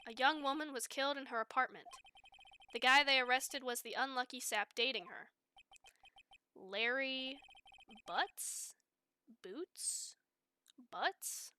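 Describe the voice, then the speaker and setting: A woman's voice: high voice, slow pace, pauses often, bright, forceful tone, slight background noise, full character voice. A woman voicing a nervous young male defense lawyer in a game playthrough, stammering and hesitant. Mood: narrating.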